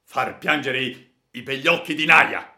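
A ferocious bandit full of cold hatred, as a male narrator puts him on, slow and deliberate with a gravelly rasp. He gloats over his captive in a loud, menacing voice, sharp and bright in tone. A storybook villain through and through. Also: medium pitch, voice pushed up. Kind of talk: audiobook character voice.

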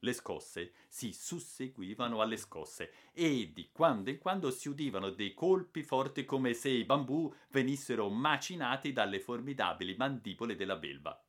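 A man reading an adventure novel aloud as an expressive, dramatic audiobook narration. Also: medium pitch, moderate pace, few pauses.

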